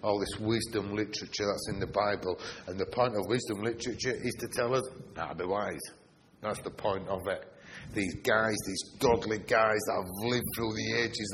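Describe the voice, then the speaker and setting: A faint hiss runs under a Yorkshire preacher's sermon as his fairly low voice reverberates at length through the church hall. He hits single words hard, drawing them out, and asks the congregation rhetorical questions.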